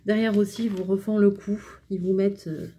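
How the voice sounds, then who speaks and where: A woman's voice: mid-range voice, a little fast, slightly rough. A young French woman talking casually to camera while testing felt pens, with lots of fillers and hesitations. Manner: hesitant, many fillers, chatty and relaxed. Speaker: craft vlogger reviewing pens. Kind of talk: casual product review.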